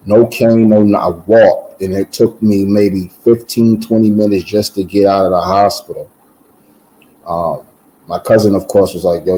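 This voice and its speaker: A man giving a casual, animated personal testimony, repeating words and filling pauses with "um". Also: deep voice, slight background noise, low-quality recording.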